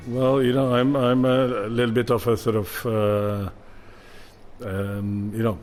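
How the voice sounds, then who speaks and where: A man's voice: medium pitch, flat delivery, unhurried, a little mellow, soft background music. A man in his sixties from Norway, a bodega owner answering interview questions with many fillers and restarts.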